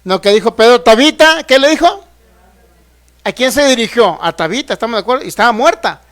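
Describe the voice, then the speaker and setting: A man's voice: very high-pitched, expressive, brisk, fairly bright tone. A man, a pastor preaching a sermon who keeps asking the congregation rhetorical questions and acts out the voices he quotes. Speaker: pastor teaching a healing course.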